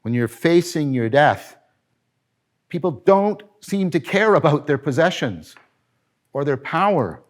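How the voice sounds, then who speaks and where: A man's voice: fairly high pitch, unhurried. Emphatic man lecturing on philosophy. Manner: animated, emphatic, frequent self-corrections and rhetorical questions.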